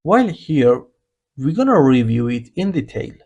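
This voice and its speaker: A man's voice: mid-range voice, big pitch swings, moderate pace, a little mellow, husky, dull audio. A man teaching beginner grammar, explaining the rules patiently one step at a time. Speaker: language teacher. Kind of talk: slow explanatory lesson narration.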